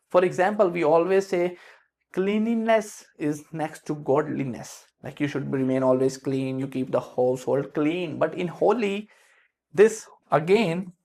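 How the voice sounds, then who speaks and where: A male literature teacher gives an explanatory lecture in English with an Indian accent shaped by years in South India; his first language is Hindi. His voice is fairly high and darkish, with a gravelly, fry-touched texture. He explains concepts conversationally in loose spoken English, full of fillers, self-corrections, and restarts.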